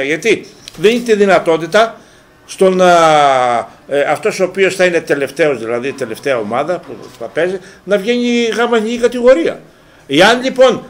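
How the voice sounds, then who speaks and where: A man hosting a local television sports talk show, ranting animatedly in casual commentary and firing rhetorical questions at his viewers. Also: high-pitched. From Greece. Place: local TV studio.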